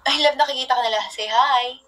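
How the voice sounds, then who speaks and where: A young woman casually chatting on a livestream from her phone, telling rambling stories with soft trailing asides. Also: sits high, steady tone, fast talker, low-quality recording.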